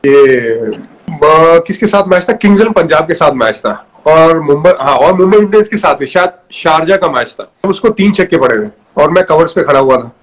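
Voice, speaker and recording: A man in his thirties hosting a casual live video chat over a phone, telling stories with lively energy. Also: fairly high pitch, moderate pace, slight background noise. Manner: animated storyteller who acts out quoted remarks. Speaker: host. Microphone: phone on a video call.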